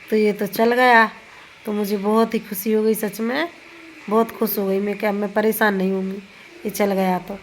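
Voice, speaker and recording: A woman's voice: medium pitch, level tone, normal speed, a little hiss or hum. A woman in her thirties with a sore throat, chatting casually through a home vlog and often correcting herself as she goes about chores. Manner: chatty, rambling, self-correcting. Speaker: vlogger. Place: home kitchen and rooftop.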